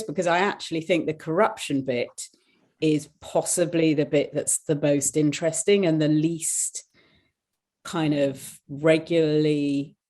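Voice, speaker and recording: Low-voiced, slow-talking woman. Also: darkish tone. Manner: hesitant, with many ums. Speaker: book club panelist. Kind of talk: casual book discussion.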